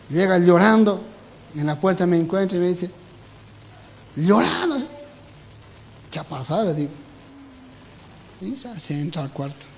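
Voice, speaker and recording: A man's voice: high-pitched, measured pace, long pauses, slight background noise, rough recording. A young adult man, a pastor with a Bolivian Spanish accent, preaching a sermon and acting out the voices in his stories.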